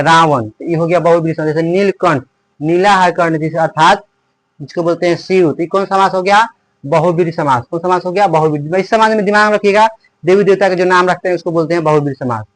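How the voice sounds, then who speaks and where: A man's voice: fairly high pitch, no echo. A man teaching an online grammar class, repeating himself and asking and answering his own questions.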